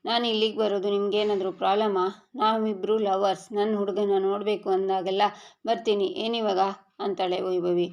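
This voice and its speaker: A woman narrating a TV serial episode recap, reading every character's lines in an even storytelling voice. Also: medium pitch, moderate pace. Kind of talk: reading a serial recap aloud, voicing all dialogue. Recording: dull lo-fi audio.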